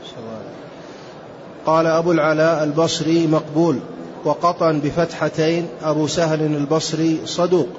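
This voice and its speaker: A student reading a classical text aloud in a steady recitation. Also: male voice, on the high side, fairly quick. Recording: dull lo-fi recording with faint hiss.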